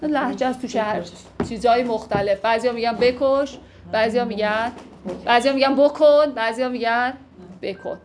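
A woman's voice: on the high side, steady tone, slight background noise. A woman teaching classical poetry, reciting verses and then explaining them in a casual, conversational way. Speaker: literature teacher.

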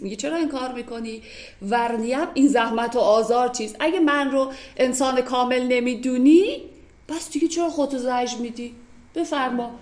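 Higher-voiced woman teaching in an echoey room. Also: darkish tone. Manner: conversational, recites verses then unpacks them with everyday examples. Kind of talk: explaining classical poetry verse by verse.

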